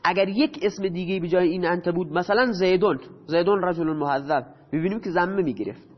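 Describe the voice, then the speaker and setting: In a dull, lo-fi recording with long reverb, a high-voiced man teaches a grammar lesson. He puts questions to his students and then answers them on his own.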